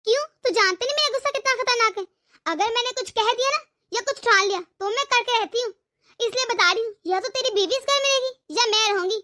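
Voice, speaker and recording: Woman doing a very high, bright, bossy cartoon mother-in-law who taunts and threatens. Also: quick pace. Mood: threatening. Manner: shrill, taunting, melodramatic. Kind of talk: cartoon voice acting.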